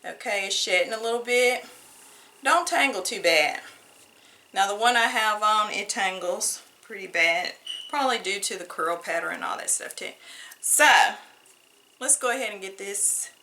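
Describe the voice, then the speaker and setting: A woman's voice: mid-range voice, expressive, moderate pace, bright, forceful tone. A woman casually reviewing a wig at home, chatty, drawing out her praise and calling viewers honey. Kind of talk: casual product review vlog. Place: home room with wigs on floor.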